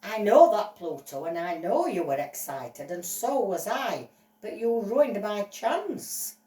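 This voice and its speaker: A woman's voice: medium pitch, big pitch swings, takes it slowly, mellow, far from the mic. A woman voicing an aggrieved dog owner complaining to a judge in a playful toy-play story. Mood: reproachful. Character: put-out woman complaining about her dog. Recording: roomy echo, voice off-mic.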